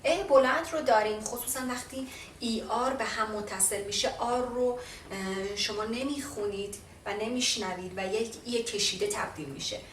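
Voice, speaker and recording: A woman from Iran gives a casual lesson on pronunciation, slowing down to model each English sound. Her voice is a little off the mic in a roomy space. A faint ambience runs behind her. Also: a little high, a bit bright, far from the mic, slight background noise. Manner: explains by modelling sounds slowly, with fillers. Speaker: language teacher.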